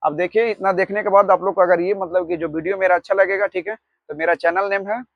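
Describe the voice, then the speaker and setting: A man with a fairly high voice teaches a grammar lesson. He explains with examples and dictates slowly, saying key words twice. The recording is dry and close, with no room sound. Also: fairly even intonation, no room sound, dull audio. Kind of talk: Hindi grammar lecture.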